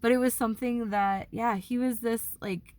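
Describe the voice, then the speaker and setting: A woman vlogging from her car in a casual, rambling monologue, swearing freely, filling every pause with "like" and slipping into heated rants. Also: a little high, steady tone, darkish tone. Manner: rambling and profane, heavy use of "like"; heated ranting. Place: inside a car.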